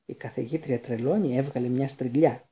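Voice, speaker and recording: A man narrating a story in a calm, even storytelling manner. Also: medium pitch. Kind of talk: audiobook narration.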